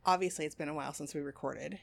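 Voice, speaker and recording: A woman's voice: low-pitched, very fast, creaky. A woman in her forties co-hosting a podcast, chatting casually and rambling with frequent swearing. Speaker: podcast co-host. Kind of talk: casual chat.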